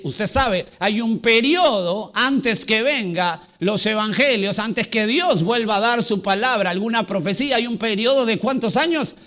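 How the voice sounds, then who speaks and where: Male pastor preaching to a congregation; higher voice with a bright edge, unhurried, repeating and stressing key words. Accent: Latin American Spanish. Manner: slows and stresses words for emphasis. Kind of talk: sermon. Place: church.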